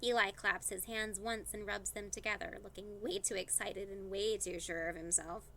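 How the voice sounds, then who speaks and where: A woman reading a young adult novel aloud in the first person, with an expressive, playful delivery. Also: medium pitch, moderate pace, creaky, a little hiss or hum. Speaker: audiobook reader.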